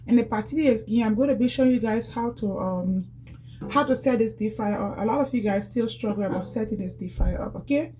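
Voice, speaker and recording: A YouTuber from Liberia shows how to clean at home, talking a little fast in a warm, slightly high voice, chatty and repetitive and often saying "guys." The low-quality recording carries some hiss or hum beneath background music.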